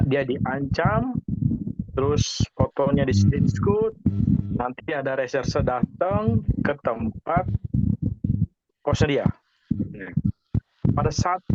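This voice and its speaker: A man's voice: mid-range voice, heavy background noise. A middle-aged man in a church small group tells a testimony in a casual way and acts out the conversation he is retelling. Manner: retells the story with quoted dialogue, repeating "saya bilang". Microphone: video call. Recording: dull, dry, lo-fi video call.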